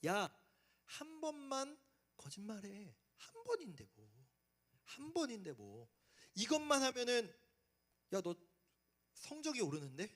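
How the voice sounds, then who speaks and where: A sly devil murmurs soft, coaxing urgings, keeping them short and repeating them as a male preacher puts him on. The hushed voice drops low and quiet, and it keeps the preacher's lively swoop in pitch. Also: measured pace, pauses often, full character voice. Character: sly whispering male devil tempting listeners.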